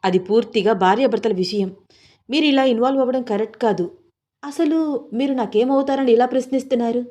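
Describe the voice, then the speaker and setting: A woman's voice: a little high, brisk, warm tone, lightly acted. A woman storyteller voicing an irritated young wife who answers curtly. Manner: irritated, curt.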